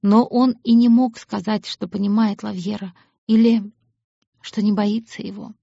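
A woman reading scripted audiobook narration in a measured, expressive way. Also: medium pitch, vocal fry, dry recording. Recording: dull lo-fi audiobook recording.

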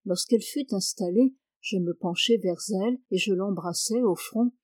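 A woman reads a classic novel aloud in a measured, expressive way, pitched in the middle range. The sound is dry and close, with no room around her voice. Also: no room sound. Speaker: audiobook reader. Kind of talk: literary audiobook narration.

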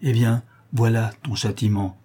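A calm, indignant wife who lectures with firm reproach, as a man reading a novel puts her on. His dark, husky voice lifts a little for her lines. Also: on the low side, a little slow. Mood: reproachful. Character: composed indignant married woman.

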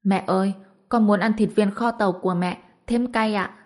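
The ghost of a young daughter, sweet and clingy, coaxing her mother for favourite food in a storybook, as a woman narrator reads her. The voice rises a little higher than the narration. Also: steady tone, moderate pace, a little mellow, lightly acted.

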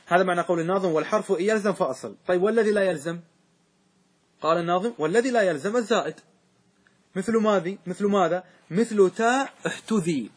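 A man's voice: high-pitched, rapid-fire, husky. A man teaching a grammar lesson in a classroom, quizzing his students and having them answer back. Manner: questioning, drills students in call and answer.

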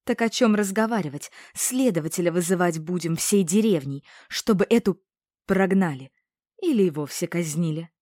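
A woman reading a novel aloud, voicing a hostile village woman, the headman's wife, in a shrill, scornful voice. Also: expressive, normal speed, mellow, no room sound, studio quality.

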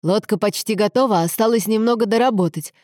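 A woman's voice: mid-range voice, brisk, a little mellow, no room sound, studio quality, voice pushed up, lightly acted. A woman reading an audiobook, voicing a proud, cheerful older father. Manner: proud, beaming.

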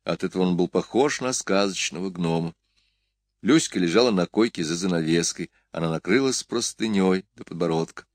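A man reading a story aloud in a calm, quiet, even manner. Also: low-pitched, fairly quick, dry recording, clean studio sound. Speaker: audiobook narrator. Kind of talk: scripted narration.

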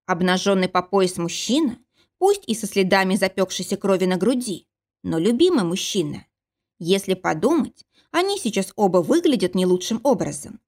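Woman narrating a fantasy romance audiobook. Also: mid-range voice. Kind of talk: scripted narration.

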